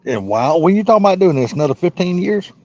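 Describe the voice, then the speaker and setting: A man's voice: sits high, big pitch swings, a little mellow, muffled recording. A man, swearing freely in a casual live-stream chat. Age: 50s. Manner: salty, swears freely, drawn-out rambling.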